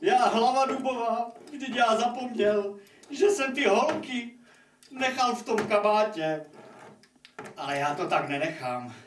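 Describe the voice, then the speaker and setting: A man's voice: high-pitched, lively intonation. A man voicing a hapless, good-hearted poor hero in a puppet fairy tale, folksy and plaintive. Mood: dismayed, determined. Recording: echoey room, distant microphone, noisy.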